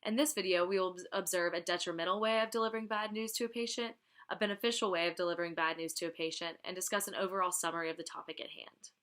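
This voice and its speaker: A woman's voice: lowish voice, steady tone, fast, fairly bright tone. A woman reading a scripted introduction for an educational video.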